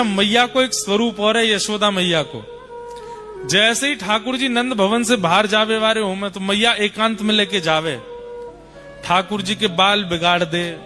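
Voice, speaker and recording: Brief: high-pitched male storyteller, devotional katha over music. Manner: animated, acts out child and father voices. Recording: music playing behind.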